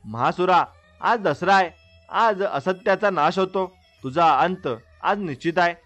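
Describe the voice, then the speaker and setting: A man's voice: sits high, animated, moderate pace, fairly bright tone, faint music behind. A man playing a steadfast young village hero. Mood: resolute. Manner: firm, resolute declarations.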